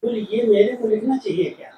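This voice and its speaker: A man's voice: high voice, a little fast, dark tone, slight background noise. A man giving a devotional class talk, telling stories and acting out quoted dialogue, from India. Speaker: spiritual speaker. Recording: echoey hall, voice from a distance.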